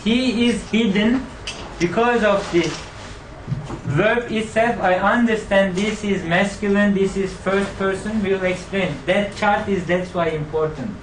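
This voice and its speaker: In a noisy, echoey classroom, a high-voiced man teaches grammar, firing questions at his students and repeating their answers back. The microphone sits far away from him.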